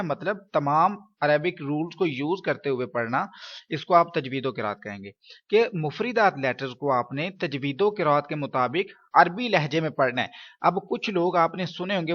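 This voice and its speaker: In a muffled recording, a man with a fairly high pitch walks other teachers through Quran reading. His lesson proceeds one step at a time, with regular check-ins and plenty of rhetorical questions.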